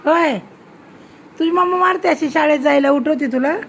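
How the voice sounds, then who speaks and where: High-voiced woman with a gravelly edge, filming at home and teasing with questions. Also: moderate pace, slight background noise. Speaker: mother filming a home vlog. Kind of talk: casual home video chat.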